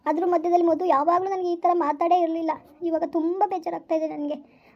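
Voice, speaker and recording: Young wife in a home drama, begs and pleads, very high and flat, low-fi recording. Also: female voice, brisk, highs cut off. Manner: pleading, hurt, repeats "please". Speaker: wife in a family skit. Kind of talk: scripted family drama.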